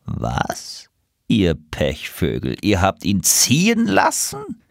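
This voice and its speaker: Man reads as old female crow seer, hushed and doom-laden, husky low whisper. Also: sing-song, dry recording, studio quality, heavily acted. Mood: scolding. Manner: slow, hushed, ominous whispering.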